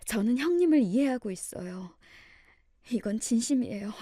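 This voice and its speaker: A woman's voice: fairly high pitch, expressive, normal speed, warm tone, no echo. A humble young wife, as a woman narrator acts her out, apologizing earnestly in a slightly raised voice. The sound is dry and close. She sounds contrite and careful, a storybook wife at a family feast. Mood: pleading. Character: young wife pleading tearfully before elders.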